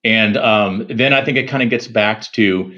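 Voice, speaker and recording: A man who is a security executive, a podcast guest, answering in a measured way and thinking aloud. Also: on the low side, sharp tone, dull audio. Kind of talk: casual interview answers.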